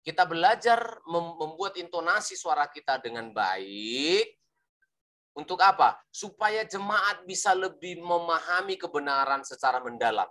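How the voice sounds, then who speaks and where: A man's voice: on the high side, lively intonation, a little slow, pushed and bright. A man teaching how to preach, speaking emphatically and demonstrating rising and falling intonation with playful teasing asides. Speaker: preaching instructor. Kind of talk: teaching lesson on sermon delivery.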